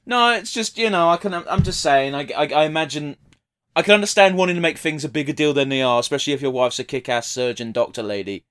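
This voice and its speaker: A man's voice: medium pitch, fast, fairly bright tone, smooth. A man giving casual, blunt, sweary commentary as a podcast co-host. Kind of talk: casual watch-along commentary.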